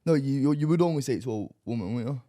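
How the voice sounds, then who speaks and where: A man co-hosting a podcast, chatting casually with quick, joking interjections. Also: medium pitch, animated, mellow, dry recording, studio quality. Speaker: podcast co-host. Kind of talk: casual chat.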